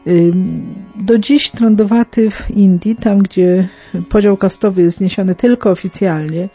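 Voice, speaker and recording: A middle-aged woman speaking unscripted in a radio interview, explaining in a halting way and often correcting herself. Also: medium pitch, warm tone, slightly rough, lo-fi sound. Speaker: interviewed aid worker among lepers in India.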